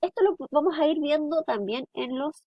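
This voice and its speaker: Female teacher, higher voice, dry recording, lecture delivery. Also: animated, moderate pace, no echo, lo-fi sound. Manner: explanatory, frequent tag "¿ya?".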